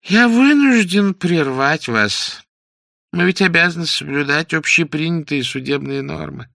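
A man reading aloud and voicing a sickly, melancholy, cruel chief judge of about forty, in a soft, slow, falsely mild voice. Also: on the high side, lively intonation, gravelly, no room sound, clean studio sound, voice pushed up, heavily acted. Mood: falsely gentle. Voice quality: soft, almost plaintive voice.

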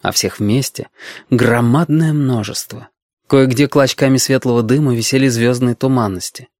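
A man reading an audiobook aloud in a calm, measured storytelling manner. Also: medium pitch, no room sound, clean studio sound. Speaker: audiobook narrator.

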